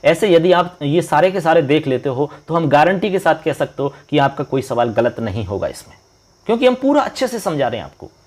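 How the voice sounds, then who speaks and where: A male exam-prep teacher from India, quizzing viewers through a model paper and reading out the answer options slowly. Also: fairly high pitch, big pitch swings. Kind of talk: online exam-prep lesson.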